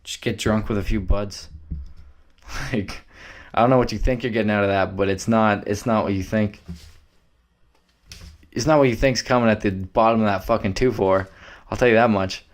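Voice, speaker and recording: A young man with a lowish voice talks on his own podcast. He rambles, swears freely and keeps it offhand and loose. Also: fairly even intonation, normal speed, long pauses. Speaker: podcast host.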